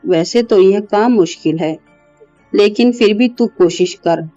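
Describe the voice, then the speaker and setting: A woman's voice: medium pitch, unhurried, dark tone, dry recording, highs cut off, faint music behind, natural voice. A woman doing a stern old exorcist man. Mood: commanding. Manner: commanding.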